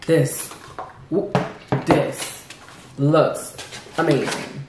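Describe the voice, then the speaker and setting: A woman co-hosting a casual food vlog, talking excitedly to viewers and calling them y'all. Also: lowish voice, a little slow, reverberant, very noisy. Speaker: channel co-host. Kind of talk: casual mukbang vlog chat.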